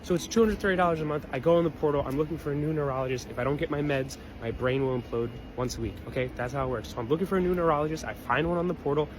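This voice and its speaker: A man's voice: a little high, very fast, few pauses, background noise. A man in his twenties ranting angrily in a vlog, swearing often and stressing his words hard. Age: 20s. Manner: swearing, furious, emphatic. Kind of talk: angry vlog rant.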